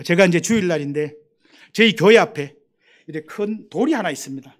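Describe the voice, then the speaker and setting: A middle-aged man with a high voice preaches a sermon as a missionary. He tells stories from his past and then presses his listeners with mounting emphasis. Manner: storytelling, rising to emphatic exhortation.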